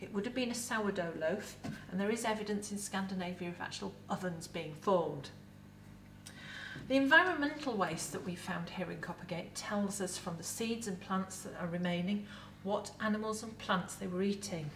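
A middle-aged woman with an English accent, a museum educator in costume, giving a lively, chatty talk to camera about food with props in an indoor set. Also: medium pitch, normal speed, a little hiss or hum. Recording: roomy echo, voice from a distance.

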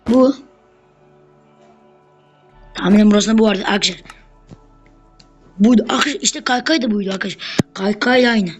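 Casual gameplay commentary, streamer keeps talking to the viewers like friends, gets excited in fights, faint music behind. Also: medium pitch, low-quality recording. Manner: chatty, constantly addressing viewers as friends; excitable bursts while fighting. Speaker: gameplay YouTuber.

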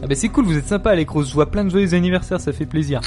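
A man streaming a horror game live, talking casually, excitable and jumpy, swearing and laughing often. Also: a little high, fast, music in the background. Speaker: streamer playing horror games.

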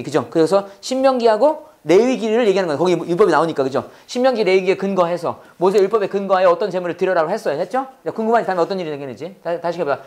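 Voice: mid-range voice, darkish tone. An English teacher running a Bible-based lesson, quizzing the class and drilling phrases in call-and-response. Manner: quizzing, repeats phrases slowly for learners.

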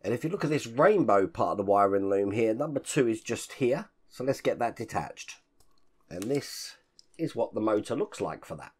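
A hoarse man with a lively delivery speaks at a moderate pace, hosting a casual hands-on model build on his channel. His deep, rough voice turned croaky after an illness, and he coughs occasionally. He chats while handling parts and walks through each step in a home hobby room full of collectibles.

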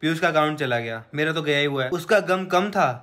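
A man's voice: on the high side, animated, quick pace, a bit bright. A young man filming a casual home vlog, patiently coaxing and explaining things to a sick child. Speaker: vlogger. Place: family home.

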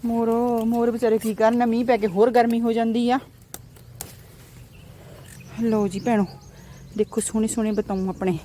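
A Punjabi woman talks to her vlog viewers in a fairly high but soft-edged voice. She is dramatic, exclaiming and repeating phrases in a sing-song way. She is outdoors on farmland, with faint background noise. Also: little pitch movement, moderate pace, pauses often. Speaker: vlogger. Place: outdoors in a vegetable field.

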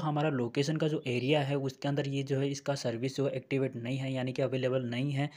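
In a screen-recorded phone tutorial, a man with a mid-range, slightly mellow voice guides viewers through the settings one step at a time. Calling his audience friends, he repeats himself frequently.

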